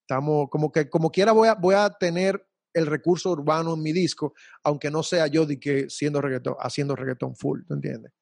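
A man's voice: a little high, fairly even intonation, fairly quick, vocal fry, a little mellow, no room sound, studio quality. A young man, a salsa singer talking casually and animatedly in an interview, full of slang and repeats. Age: young adult.

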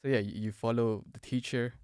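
A man's voice: mid-range voice, steady tone, fairly quick, a little mellow, smooth, no echo, clean studio sound. Casual, rambling man from the Philippines. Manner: loose and rambling, with many fillers and restarts, casual swearing. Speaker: podcast guest. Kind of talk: casual chat.

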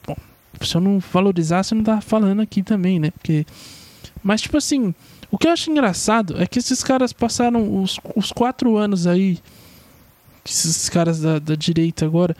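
A man's voice: high-pitched, darkish tone, dry recording. A young man with a Brazilian Portuguese accent giving a rambling, slangy opinion monologue full of swearing.

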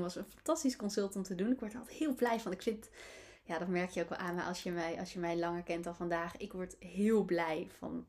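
A woman's voice: lowish voice, darkish tone. Woman, animal-coach podcast host; casual solo monologue with plenty of "ehm" and restarts. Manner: reflective, many fillers and restarts.

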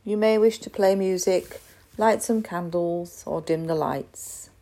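A woman guiding a crystal meditation in a slow, soft, soothing way. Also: fairly low pitch. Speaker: meditation guide.

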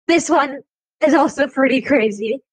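High-voiced chatty woman vlogger. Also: normal speed. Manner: chatty, eager, rambling. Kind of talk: casual product demo.

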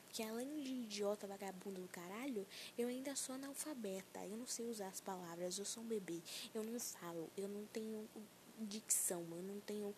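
A woman's voice: medium pitch, brisk, noisy background. A young woman of nineteen hosting a solo podcast, ranting in a self-mocking, profane and rambling way, anxious. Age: young adult. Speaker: podcast host.

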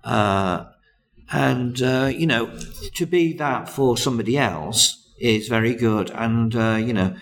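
A man, a comedian chatting as a guest, hesitant with many pauses and restarts. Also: medium pitch. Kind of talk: casual interview chat.

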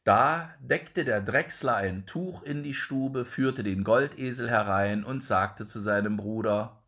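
A man reading a fairy tale aloud in a slow, expressive way. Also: medium pitch. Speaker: storyteller.

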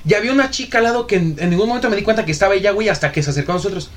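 Fast-talking young Mexican man. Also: sits high. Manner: fast, slangy, swearing storyteller. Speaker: podcast host. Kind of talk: casual storytelling chat.

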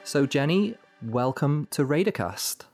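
A man's voice: on the high side, sing-song, a little slow, over loud music. A man hosting a podcast, welcoming his guest and introducing topics in an upbeat way. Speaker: podcast host.

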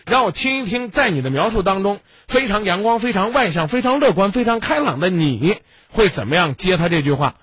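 Blunt, husky male advice host. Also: sits high, big pitch swings, a little fast, fairly bright tone, no echo. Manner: blunt, lecturing, rhetorical questions. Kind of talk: call-in advice radio.

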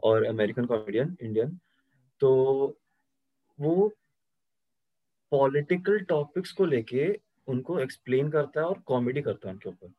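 Guest, young man, mid-pitched, relaxed and chatty. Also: measured pace, pauses often, narrow, tinny audio. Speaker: podcast guest. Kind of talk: casual chat.

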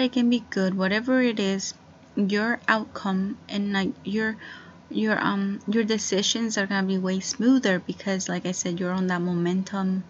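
A woman's voice: mid-range voice, lo-fi sound, slight background noise. A woman in her twenties rambling through a casual solo podcast, with lots of fillers and restarts. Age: 20s. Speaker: podcast host.

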